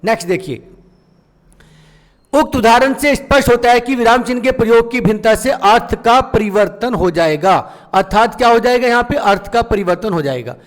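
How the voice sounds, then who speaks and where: A man's voice: extremely high pitch, big-room sound. A man teaching a grammar lesson, who keeps asking rhetorical questions and then answering them himself.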